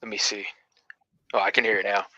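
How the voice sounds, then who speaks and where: A man's voice: on the low side, level tone, brisk, bright, forceful tone, dry recording. Hesitant young man on a dull call line. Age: 20s. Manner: hesitant, many fillers. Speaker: guest. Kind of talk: casual call-in chat. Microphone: remote call.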